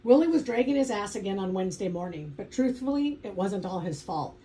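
Woman, audiobook narrator, first-person, conversational, wry, warm mellow tone. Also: medium pitch, lively intonation, fairly quick, poor audio. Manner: conversational, wry inner monologue.

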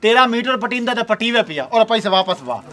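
A man's voice: very high-pitched, expressive, a little fast, background noise. A man with a Pakistani Punjabi accent in a rustic comedy sketch, talking bluntly and scolding.

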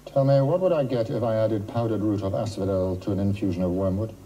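A man plays a cold schoolmaster with a dark, low voice. He drawls every word with slow contempt. A faint hiss of noise sits under the film audio. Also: muffled recording, close to an everyday voice. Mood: sneering. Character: cold, sneering male schoolmaster. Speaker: stern potions teacher. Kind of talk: film dialogue.

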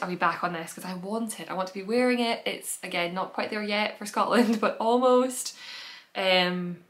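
A woman's fairly bright, mid-range voice carries this easygoing show-and-tell. She hosts a knitting podcast, designs patterns, and rambles through her projects with fillers and frequent self-corrections.

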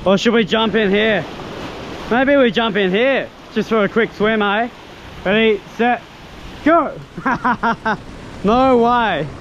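A young man with a high voice talks in an unhurried way to an action camera he holds out at arm's length. He is outdoors on a rocky shoreline, and crashing surf and wind roar clearly behind him. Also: highs cut off. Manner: excitable, bursts into shouts at strikes. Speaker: fishing vlogger. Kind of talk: casual solo vlog narration. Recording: loud surf and wind noise.

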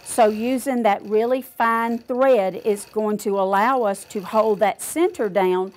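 In a studio, an older woman quilting instructor demonstrates step by step, patiently explaining each click aloud. Her voice is medium-pitched, a little mellow, and measured in pace.

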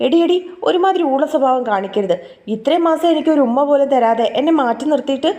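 Woman reading as a fussy doting young guy, coaxing and pleading, warm mellow voice, audio story. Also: high-pitched, animated, quick pace.

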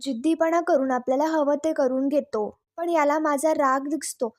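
A woman reading the lines of a stubborn, irritable elderly grandmother in a scolding manner, in a high voice. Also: moderate pace, dry recording, studio quality, close to an everyday voice.

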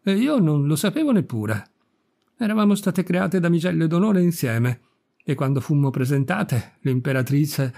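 A man's voice: on the high side, expressive, normal speed, creaky, mellow. A man voicing a capricious, imperious old countess in an audiobook reading, peevish and scolding. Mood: querulous. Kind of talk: audiobook reading of a classic story.

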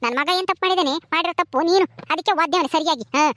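A sharp-tongued village mother-in-law, as a woman puts her on, scornful and nagging. The voice sits very high and close, with a dry sound and no room around it. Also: racing, dry recording. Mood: scolding. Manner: scornful, nagging with repeated "haa?". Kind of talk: village family skit.

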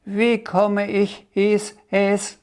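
Man doing a slow, puzzled little dragon with a speech slip. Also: sits high, completely flat delivery, a little mellow, smooth, pitched above the performer's own voice. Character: small blue dragon who can't say R, puzzled.

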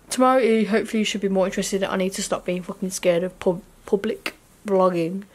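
Husky and steady at a normal speed, the mid-range voice belongs to an English vlogger in her twenties filming herself at arm's length in a hotel room. Her casual chat rambles, heavy on slang and swearing.

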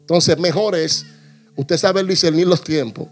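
Pastor man, kinda high voice, jokey sermon acting stuff out, faint music under it. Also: moderate pace. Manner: animated, jokey, acts out little scenes. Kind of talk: humorous sermon to a congregation.

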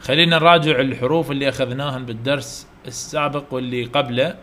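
A man's voice: mid-range voice, steady tone, quick pace, pushed and bright, a little hiss or hum. A man with an Iraqi Arabic accent teaching English letters to children in an online lesson, coaxing them to repeat and praising them often. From Iraq.

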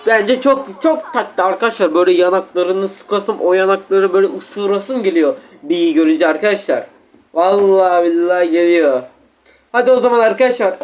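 A man with a sore throat giving excited gameplay commentary at home, exclaiming and talking straight to his viewers. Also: high voice. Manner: animated, exclaiming, keeps addressing viewers as friends. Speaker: gaming YouTuber.

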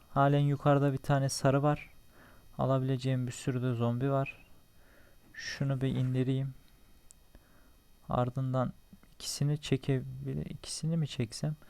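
A young man hosting a gaming channel chats casually to himself while playing a survival game, joking and swearing at enemies. His voice is medium-pitched, creaky and somewhat dark, and the recording is clean with no echo.

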